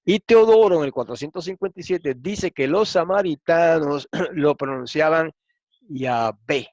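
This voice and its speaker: A man's voice: a little high, moderate pace, a little mellow, dry recording. A man teaching a Bible lesson, explaining step by step and checking in with listeners. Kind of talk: lecture reading through quotations. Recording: dull, dry lo-fi recording.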